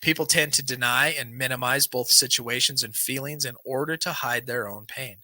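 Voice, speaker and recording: Speaking into a large studio microphone on a boom arm in his small home studio, banner backdrop behind, a podcast host reads a book aloud and then chats earnestly and casually. His mid-range voice keeps a steady tone at normal speed but sounds pushed, bright and worn, as he's losing it to a dry throat; there's no echo.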